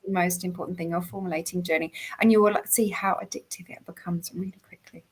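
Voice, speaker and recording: A woman's voice: on the low side, fairly even intonation, fast, darkish tone, husky. An upbeat woman hosts a live online quiz and reads out viewer comments. She is losing her voice, so it sounds a little strained. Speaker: community manager hosting a live quiz. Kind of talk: casual live-stream chat.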